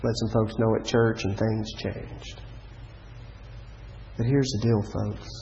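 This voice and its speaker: A middle-aged man, preaching a sermon through a personal story, lively in the telling and dropping quiet to drive a point home. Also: fairly low pitch, slow, gravelly, highs cut off, slight background noise. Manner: animated storyteller, drops to quiet emphatic lines.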